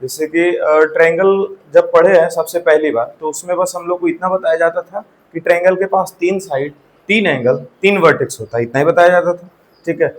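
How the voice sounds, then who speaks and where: This rough recording captures a classroom lecture: a man with a fairly high pitch, talking a little fast, teaches maths. He often fires questions at the class and checks understanding by saying "theek hai" again and again.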